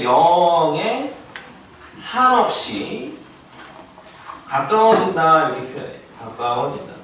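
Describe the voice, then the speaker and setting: A man lecturing on math in a classroom, his voice rising and falling as he keeps asking students whether they follow. He sits a little high for a man. He is heard from some distance in a very echoey room, with faint noise behind him. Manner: lively, asks students frequent check-in questions. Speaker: math teacher.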